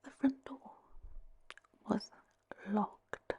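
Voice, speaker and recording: A woman with a Welsh accent telling a story in a gentle, breathy, unhurried ASMR whisper. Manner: unhurried, gentle delivery with long pauses. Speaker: host telling a story to listeners.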